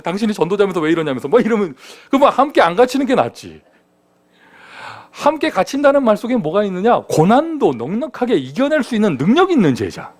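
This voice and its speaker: A man preaching a sermon as pastor, in a lively conversational manner full of rhetorical questions. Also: high voice. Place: church sanctuary.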